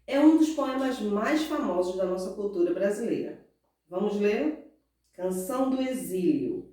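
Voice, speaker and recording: Patient Brazilian teacher in an echoey room. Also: female voice, medium pitch, lively intonation, mellow. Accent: Brazilian Portuguese. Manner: slow, patient, drawn-out word stresses; asks pupils questions and answers in their voice. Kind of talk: recorded remote class lesson. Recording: roomy echo, far from mic.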